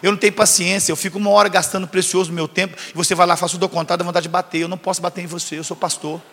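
Fast, high-voiced pastor preaching. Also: male voice, flat delivery, gravelly, sharp tone, big-room sound. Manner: acts out dialogue, teasing congregation with jokes. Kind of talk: humorous storytelling sermon.

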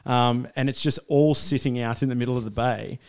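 A man's voice: mid-range voice, steady tone, a little fast, a little mellow, smooth. Blokey young Australian man, laid-back tradie style. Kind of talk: casual chat and storytelling.

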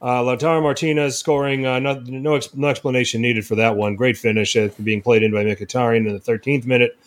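A man's voice: medium pitch, fairly even intonation, brisk. A man hosting a casual football podcast, recapping matches with lots of fillers and restarts. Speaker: podcast host.

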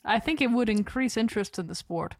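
A woman's voice: fairly high pitch, animated, fairly quick, darkish tone, dry recording. Woman hosting a podcast, dry sound. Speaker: podcast host. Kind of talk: casual hosting.

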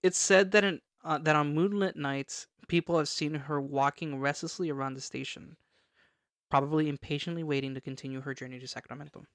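A podcast co-host with a mid-pitched voice tells stories casually and playfully. The delivery is informal and chatty, recorded dry with no room sound. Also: steady tone, brisk, a bit bright, dry recording. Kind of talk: casual storytelling chat.

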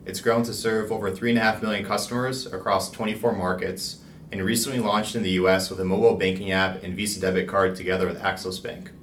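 Deep-voiced male podcast host, roomy sound. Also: flat delivery, quick pace, fairly bright tone, slight background noise. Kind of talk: scripted intro, then interview questions. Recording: roomy, distant from the mic.

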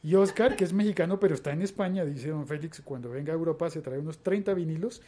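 Guy hosting a podcast, reads comments out and jokes, kinda high but warm mellow tone. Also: fast talker. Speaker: podcast host. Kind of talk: casual chat reading listener comments.

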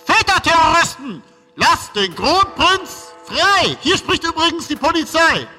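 A man's voice: extremely high pitch, sing-song, measured pace, bright, forceful tone, soft background music, exaggerated voice. A man voicing a trigger-happy police commander who barks orders in a comedy audio sketch. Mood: barking. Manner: barking orders. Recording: reverberant, from far off.

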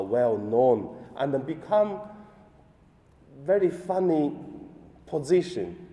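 Slow-speaking priest in an echoing cathedral-like hall. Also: male voice, medium pitch, mellow. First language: not English. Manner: halting, deliberate delivery. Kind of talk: scripture reading and sermon. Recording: echoey hall with long cathedral-like reverb.

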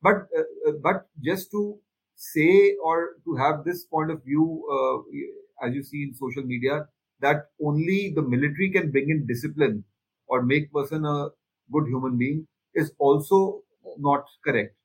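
Husky, higher-pitched Indian man making his case. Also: measured pace, rough recording. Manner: emphatic, repeats phrases to drive points home. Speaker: panelist. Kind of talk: opinionated discussion.

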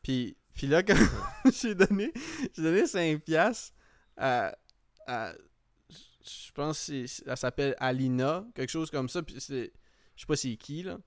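A man's voice: a little high, animated, unhurried, no room sound, clean studio sound. A man with a Quebec French accent chatting casually, rambling and repeating himself as he tells anecdotes, dropping in English slang. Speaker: podcast host. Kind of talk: casual chat, comic anecdote.

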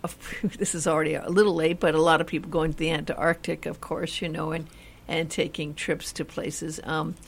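Woman host, lowish voice, rambling chatty delivery. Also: flat delivery, fairly quick, creaky, husky. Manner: rambling, chatty, many restarts. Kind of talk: casual chat.

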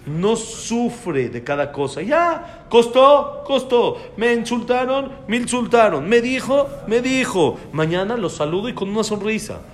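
A man teaching a religious class, animated and repeating phrases for emphasis as he tells personal anecdotes. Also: high voice, measured pace, hardly any pauses.

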